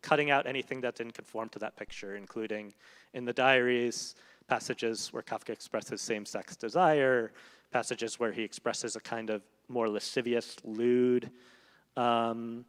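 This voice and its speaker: Onstage at an event hall, a literary translator speaks thoughtfully and hesitantly, with plenty of fillers. His medium-pitched voice is clean and a bit bright, fairly even in intonation at normal speed, and the hall adds a long reverb.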